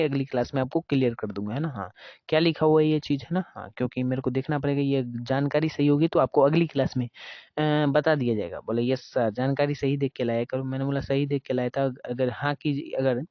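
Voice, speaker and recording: A man's voice: medium pitch, no echo, highs cut off. A man teaching a math class in a casual, chatty way, asking questions and answering them himself. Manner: chatty, asks and answers his own questions.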